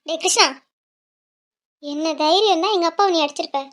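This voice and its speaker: A woman doing a shrill young girl student. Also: normal speed, a bit bright. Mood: angry. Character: young woman student, quick-tempered, loyal to her family.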